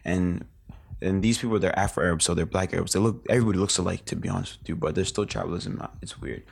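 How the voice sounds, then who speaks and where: A man's voice: sits low, fast talker, creaky, husky. A young man in his late teens, a guest in a casual interview, rambling through his memories with lots of filler words and restarts.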